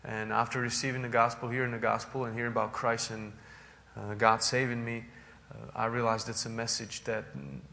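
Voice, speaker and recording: Man, Czech accent, missionary addressing a church, earnest, filler-heavy, monotone, reverberant church hall. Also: mid-range voice, fairly quick, gravelly. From Czech Republic. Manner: earnest, with frequent "uh" fillers and restarts. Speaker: visiting missionary.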